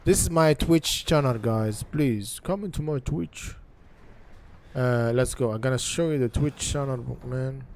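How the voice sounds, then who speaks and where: A man's voice: mid-range voice, unhurried, darkish tone, a little hiss or hum. A man streaming gameplay, commenting casually in broken English with a friendly, chatty manner. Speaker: livestreamer.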